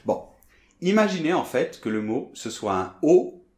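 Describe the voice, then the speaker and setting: A French man teaching French pronunciation, explaining sounds and repeating them slowly for learners. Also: fairly high pitch, big pitch swings, a little mellow, roomy sound. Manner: demonstrates sounds, repeats them slowly, often asks d'accord.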